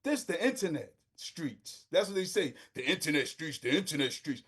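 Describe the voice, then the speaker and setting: A man's voice: a little high, animated, moderate pace, slightly rough. A middle-aged man from Brooklyn, a podcast guest talking in street slang, heated and fervent. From Brooklyn, New York. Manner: impassioned, street slang, rising to near-shouting. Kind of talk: casual podcast discussion.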